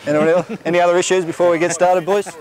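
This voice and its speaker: High-pitched male rugby referee. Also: level tone, racing, low-quality recording. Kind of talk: on-field officiating, short calls and instructions. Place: outdoor rugby ground. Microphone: body-worn referee mic. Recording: outdoor field with crowd noise.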